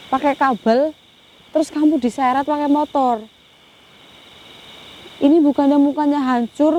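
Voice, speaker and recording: A young woman on a ghost-hunting vlog, talking softly and with pity to an unseen spirit and often breaking into Islamic exclamations. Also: high-pitched, lo-fi sound. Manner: hushed and pitying, with frequent Islamic exclamations.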